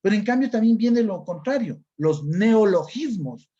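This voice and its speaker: A male teacher from Ecuador, speaking with an Ecuadorian accent in a fairly high but dark, mellow voice. He explains patiently and keeps checking in with his listeners. The recording is dull and muffled. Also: lively intonation, unhurried. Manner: explanatory, often adds "¿no es cierto?". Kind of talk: recorded class lesson.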